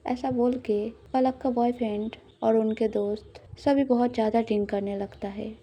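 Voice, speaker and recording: A woman narrates a scripted audio story in a plain, even manner. Her voice is dark and mellow, set a little high. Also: moderate pace, slight background noise.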